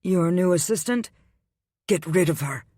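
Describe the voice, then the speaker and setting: A man voicing a wealthy male hotel boss who speaks calmly and coolly and turns curt when annoyed. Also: high voice, unhurried, dry recording, studio quality, pitched above the performer's own voice.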